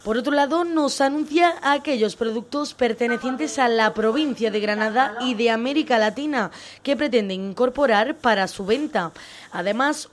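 A woman reporter narrating a scripted local news piece in a measured, smooth way. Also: fairly high pitch.

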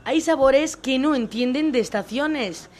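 A woman's voice: high-pitched, darkish tone. Woman reading a news report. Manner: smooth, measured reading. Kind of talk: scripted news narration.

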